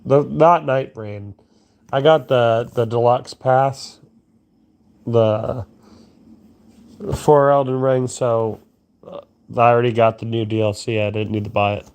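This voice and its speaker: A man's voice: medium pitch, steady tone, takes it slowly, long pauses, darkish tone, clean tone. A sleepy young man rambling crudely through a late-night monologue, yawning and meandering. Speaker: streamer.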